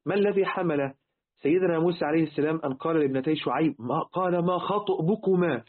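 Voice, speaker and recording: Fast-talking Egyptian man teaching. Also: a little high. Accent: Egyptian Arabic. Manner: rhetorical questions to listeners, repeats key words. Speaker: religious teacher. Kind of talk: Quran word-meaning lesson. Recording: tinny, phone-like lo-fi recording.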